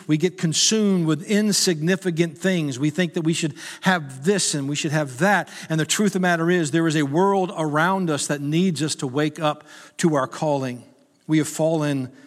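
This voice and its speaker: A middle-aged man preaches in a high, light voice, mixing jokes about himself with earnest calls to his listeners. His words ring out with a long reverb, as in a large church hall. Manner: conversational, self-deprecating humor, rising to urgent appeals. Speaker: pastor. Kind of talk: sermon with humorous stories.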